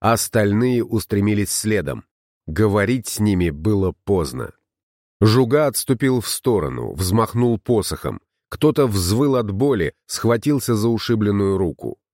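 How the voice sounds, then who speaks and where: Male audiobook narrator: low, steady, dry close-mic studio sound. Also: a little slow, no room sound.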